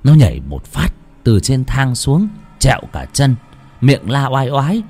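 A man's voice: medium pitch, sing-song, unhurried, darkish tone. Theatrical male horror storyteller. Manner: theatrical, suspenseful. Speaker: narrator. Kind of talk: dramatic horror story narration. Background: faint music.

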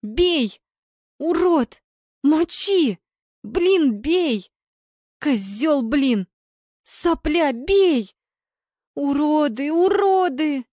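A woman's voice: high voice, expressive, extremely slow, long pauses, a little mellow, no echo, clean studio sound, voice pushed up, full character voice. A woman voicing a hot-tempered young female football fan who swears at the screen. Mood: yelling.

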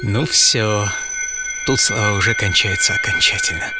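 Over a loud music bed and heavy background noise, a man with a lowish voice and huge pitch swings speaks at a moderate pace. He's the programme's writer and presenter, performing a dramatized first-person radio story with theatrical relish for short phrases.

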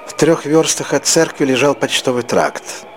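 A man narrating a classic story in a slow, expressive audiobook reading. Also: medium pitch, a little hiss or hum.

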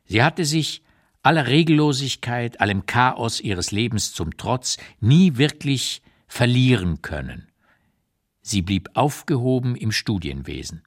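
With big swings in his medium-pitched voice, the actor delivers the old émigré writer's retrospective monologue for radio, deliberate and emphatic in a literary way. The character comes across as opinionated, critical and blunt.

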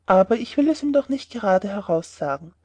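A woman's voice: mid-range voice, animated, fairly quick, darkish tone, dry recording, voice pushed down, close to an everyday voice. A woman voicing a poor, clever young peasant man in a read-aloud fairy tale, sly and plainly spoken.

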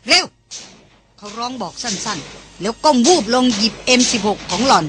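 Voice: medium pitch, expressive, fairly quick, background noise. An audiobook narrator reading an action novel aloud in a vivid, dramatic storytelling manner.

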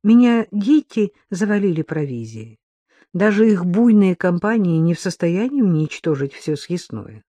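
A reader voicing a nervous, hospitable older woman who lives alone, speaking in an anxious, hushed way in an audiobook. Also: mid-range voice, very animated, normal speed, no room sound. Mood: calm. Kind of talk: audiobook character reading.

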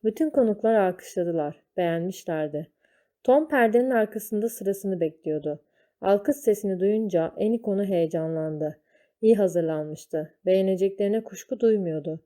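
Woman, storyteller, slow deliberate reading, mellow, mid pitch. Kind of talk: reading a children's classic aloud.

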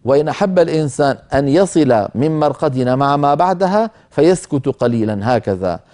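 Mellow-voiced male recitation teacher. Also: on the high side, expressive. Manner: measured, explanatory, pauses to demonstrate recitation slowly. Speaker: Quran recitation teacher, program host. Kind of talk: televised tajweed lesson.

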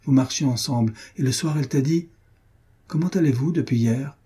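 A man's voice: mid-range voice, a little fast, dark tone, slightly rough, close to an everyday voice. A man reading an anguished, jealous husband who pleads with his friend in emotional outbursts, in an audiobook. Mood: accusing.

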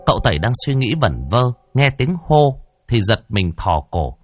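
A man's voice: on the low side, very animated, moderate pace, soft background music. A man narrating a comic ghost story in a playful, vivid way.

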